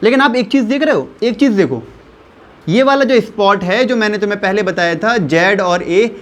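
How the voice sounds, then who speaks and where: In an expressive, high-pitched voice, a man from India teaches chemistry and takes his time spelling out every value step by step. He keeps posing questions to the audience and repeating the important terms.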